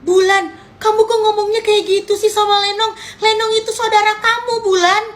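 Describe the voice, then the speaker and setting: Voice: extremely high pitch, flat delivery, moderate pace, a bit bright. A performer voicing a father in a comedic skit who lectures one child for being unkind to her sibling. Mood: reproachful. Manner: lecturing, reproachful. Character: stern, preachy father defending one child.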